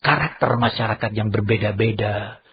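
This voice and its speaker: A man preaching a sermon in Indonesian-accented speech, animated, often raising his voice sharply to act out quoted speakers. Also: normal speed, a little hiss or hum. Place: large mosque. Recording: muffled low-bitrate mosque recording.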